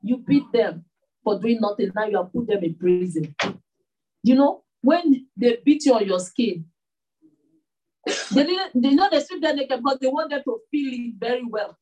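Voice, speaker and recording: A woman delivers a sermon, pressing her points with repeated rhetorical questions. Her voice is husky and mellow, and she sounds set back from the microphone. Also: fairly high pitch, animated, moderate pace, recorded from a distance, lo-fi sound. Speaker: preacher.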